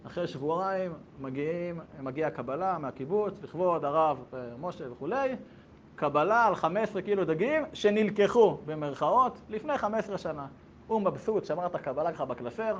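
A man telling a story in casual spoken style, lively and animated as he acts out characters. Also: fairly high pitch, lo-fi sound, slight background noise.

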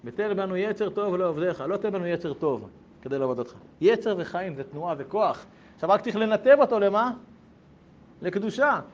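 A man teaching a Torah lesson, reading passages aloud and explaining them with loud, emphatic exclamations. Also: sits high, lively intonation. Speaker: rabbi teaching a class. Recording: dull lo-fi sound with faint background noise.

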